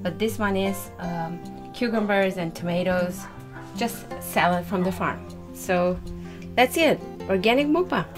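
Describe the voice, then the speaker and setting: Chatty woman in her thirties hosting a food video, music playing clearly behind. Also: mid-range voice, measured pace. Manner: chatty, presents each dish. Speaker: host of a food channel. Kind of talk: casual mukbang chat. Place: sunny room with large windows, indoors. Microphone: table mic in front of the couple. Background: music in the background.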